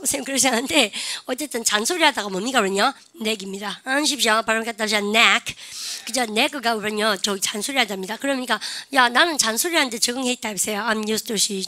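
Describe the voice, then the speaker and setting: A woman teacher gives a grammar lecture in a fairly high, sharply bright voice. She fires call-and-response questions at her class and slows down to model each example sentence. The sound is close and dry. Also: no room sound.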